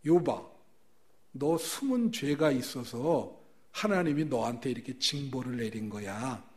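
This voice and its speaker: A man's voice: mid-range voice, animated, a little slow, pitched below the performer's own voice, lightly acted. A male pastor voicing the blunt, accusing old friends of a suffering man, retold in a sermon. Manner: scolding, blunt.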